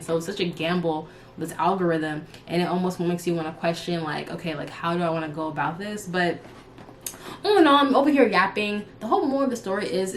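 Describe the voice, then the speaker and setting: Slight background noise accompanies this lowish-voiced live streamer and YouTuber in her early 20s. She talks off the cuff to her followers in a candid, slangy way, wandering from point to point.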